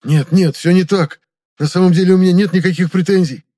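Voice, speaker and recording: Brief: spoiled young nobleman in a tight spot, high and shrill, blustering and begging, a man voicing him. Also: steady tone, brisk, warm tone, lightly acted. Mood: pleading. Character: panicking arrogant young male noble captive.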